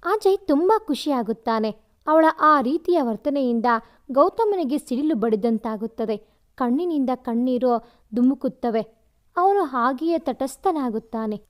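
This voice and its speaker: A woman with a high voice narrating a romantic story. Her reading is dramatic and expressive, a storybook telling with plenty of feeling.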